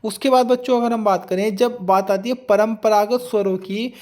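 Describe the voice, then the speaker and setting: A man's voice: high voice, fairly even intonation, moderate pace, a little mellow. A man teaching an exam-prep grammar lecture, patiently repeating each point and often addressing his students directly.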